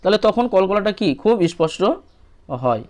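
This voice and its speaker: A man's voice: high-pitched, sing-song, normal speed, a little mellow, clear, resonant tone. A man teaching a lesson on reading the Quran, patiently asking questions and then answering them himself. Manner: checks in often with short questions to the viewer. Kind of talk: step-by-step lesson walkthrough.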